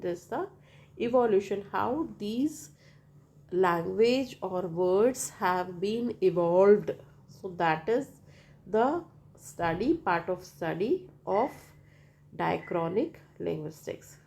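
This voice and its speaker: Indian-accented woman teacher, slow and halting lecture delivery, repeats points and adds check-in tags. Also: mid-range voice, a little mellow. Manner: halting, repetitive, often checks with "right?". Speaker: linguistics teacher. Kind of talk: lecture explanation.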